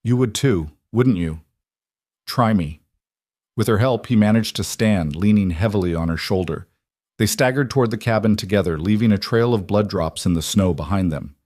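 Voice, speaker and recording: A man reading a scripted frontier story in a steady, measured way. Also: fairly low pitch, no room sound, studio quality. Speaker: narrator.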